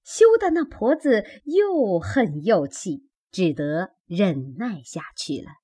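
Slow, breathy woman narrating a classic novel. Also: medium pitch, sing-song, warm tone. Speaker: audiobook reader.

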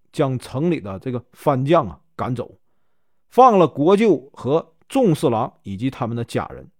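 A man's voice: a little high, a little mellow, no room sound, studio quality. A man telling a classic novel in a casual storyteller's way, sprinkling filler particles between phrases.

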